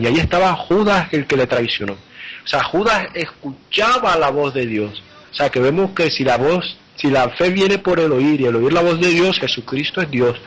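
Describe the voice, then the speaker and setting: A man's voice: mid-range voice, fairly bright tone, poor audio. A man preaching a live sermon, earnestly retelling scripture and often repeating and restarting his phrases.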